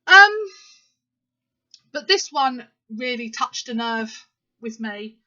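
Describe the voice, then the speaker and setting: Talking slowly but with lively intonation, a woman vlogger in her thirties addresses the camera casually, full of fillers and indignant emphasis. Her slightly high voice has a sharp edge, and the recording is a bit muffled and lo-fi.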